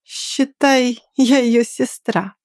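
A woman reading an audiobook and voicing a bold young woman who defends her friend with sharp, threatening words. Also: on the high side, extremely slow, no echo, clean studio sound. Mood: stern. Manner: sharp, threatening, then coaxing.

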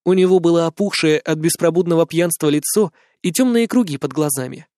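A man narrating an audiobook in the first person, with even, measured storytelling. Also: fairly high pitch, dry recording, studio quality.

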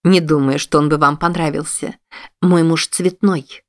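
A woman voicing a cold, composed woman in an audiobook, speaking low and steady. Her calm, measured menace never rises. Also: dry recording, clean studio sound. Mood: cool. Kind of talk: audiobook reading.

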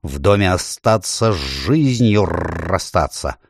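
A man voicing a wise old talking raven in a storybook, croaking slowly and full of sayings. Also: sits low, lively intonation, dry recording, clean studio sound, full character voice. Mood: gloomy. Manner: slow, croaking, sententious.

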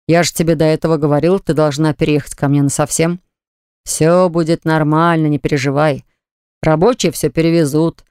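A narrator voicing a domineering man who lays down orders to his lover, speaking slowly and weightily in a smooth, dry, close-miked voice. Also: mid-range voice, little pitch movement, a little mellow, dry recording, lightly acted. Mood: commanding. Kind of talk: audiobook character voice.

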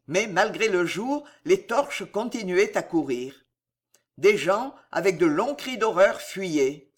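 A man reading a historical novel aloud as an audiobook, in a dramatic, theatrical narration. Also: high voice. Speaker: audiobook reader.

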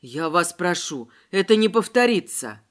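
A woman's voice: fairly low pitch, very animated, a little slow, pitched below the performer's own voice. A woman reading a storybook aloud, voicing a flustered grown man who pleads in a panic. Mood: panicky pleading.

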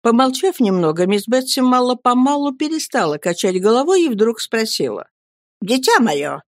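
Woman reading an audiobook, animated. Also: on the high side, no room sound, clean studio sound. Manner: measured storytelling with animated intonation. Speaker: audiobook reader. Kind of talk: audiobook narration.

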